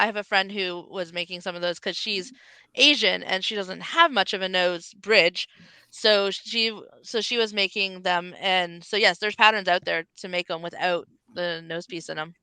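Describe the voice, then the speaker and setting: Bright, creaky-voiced woman chatting. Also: mid-range voice, normal speed, no room sound. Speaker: podcast guest. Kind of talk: casual chat.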